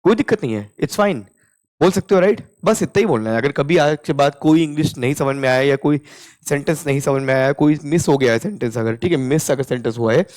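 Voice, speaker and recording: A man's voice: medium pitch, darkish tone. Indian man teaching English phrases. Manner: mixes Hindi with English phrases, repeats example sentences slowly. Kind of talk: casual spoken English lesson.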